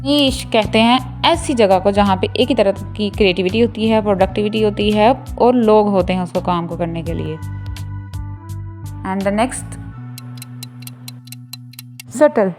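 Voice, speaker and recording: Woman, English lesson, repeats each word carefully, soft background music. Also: mid-range voice. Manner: repeats words slowly, switching between English and Hindi. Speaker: English pronunciation teacher. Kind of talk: slow, deliberate pronunciation lesson.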